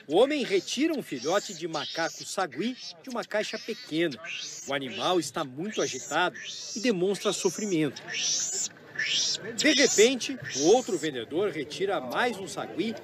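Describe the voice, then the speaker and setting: A Brazilian man reading a scripted news report in a grave, measured voice. His voice sits high and moves around a lot, with a crowd audible behind him. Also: very animated. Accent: Brazilian Portuguese.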